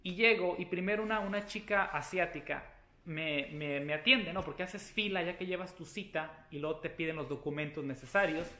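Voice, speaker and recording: Animated man vlogger in an echoey room. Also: fairly high pitch, moderate pace. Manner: animated and playful, with sudden loud exclamations. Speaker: beauty vlogger. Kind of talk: casual chatty storytelling to camera.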